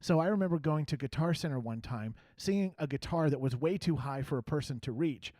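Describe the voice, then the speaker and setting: A man's voice: a little high, fairly quick, dark tone, no echo. A man hosting a podcast in casual chat, a self-mocking, jokey storyteller. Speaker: podcast host.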